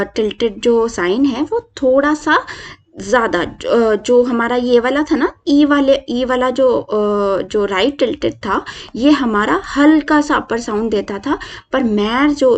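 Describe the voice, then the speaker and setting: Slow, hesitant woman teaching. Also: a little high. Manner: hesitant, many fillers, repeats example words slowly. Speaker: language teacher. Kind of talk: slow explanatory lesson.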